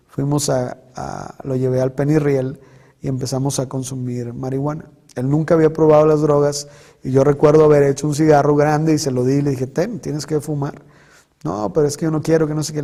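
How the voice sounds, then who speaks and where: Earnest man with a mellow voice. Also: mid-range voice. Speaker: testimony speaker. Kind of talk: personal testimony.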